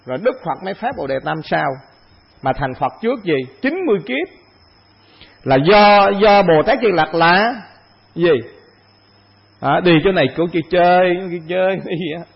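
A man's voice: high-pitched, moderate pace, creaky, breathy edge, lo-fi sound. A man, a Buddhist monk, giving a conversational dharma talk to an assembly, asking himself questions and repeating phrases.

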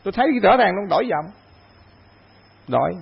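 A man's voice: sits high, very animated, a little fast, gravelly, breathy edge, muffled recording. A man, a Buddhist monk, giving a conversational dharma talk to an assembly, asking himself questions and repeating phrases.

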